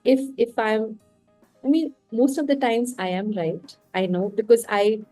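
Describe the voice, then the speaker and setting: Talking through her thoughts with reflective candor, this podcast guest from India, who has an Indian English accent, chats in a relaxed interview. Her voice sits a little high and sounds mellow at a measured pace. There's no room sound, only faint background music.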